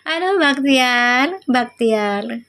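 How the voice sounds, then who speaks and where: A high-pitched woman hosting a relaxed tarot livestream, speaking. She chats warmly and teasingly with her viewers and laughs easily as she talks them through their questions. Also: very slow. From Indonesia. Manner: chatty, teasing, affectionate, laughs often. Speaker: tarot reader. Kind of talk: casual livestream chat with viewers.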